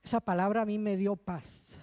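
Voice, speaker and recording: Guy preaching, pretty high voice, heartfelt story, big echoey church hall. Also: steady tone, moderate pace, a little mellow. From Spain. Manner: earnest, heartfelt storytelling with emotional asides. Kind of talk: sermon with personal testimony. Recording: long reverb of a church hall.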